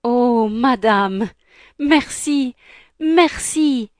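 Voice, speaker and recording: A woman reads a gentle young storybook heroine, courteous and eager. The voice climbs high above her plain reading tone. It sits dry and close. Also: very slow, no room sound. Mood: grateful. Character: sweet young girl, polite and breathless.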